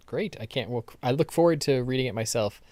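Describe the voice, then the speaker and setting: A man's voice: medium pitch, lively intonation, brisk, darkish tone, dry recording. A man co-hosting a podcast in casual chat, rambling through stories with ums and restarts. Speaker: podcast co-host.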